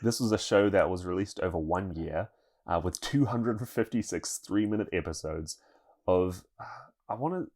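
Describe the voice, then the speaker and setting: A man with a somewhat low voice, co-hosting a podcast in easy, casual chat. He reads through the news in a chatty way and breaks into laughter now and then. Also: normal speed, a little mellow. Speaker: podcast co-host.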